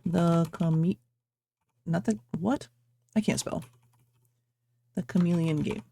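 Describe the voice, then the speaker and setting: A woman's voice: fairly low pitch, slow pace, vocal fry, warm tone, breathy edge. A young adult woman streamer chatting casually at home, rambling, reading chat aloud and laughing often. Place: at home, birds outside.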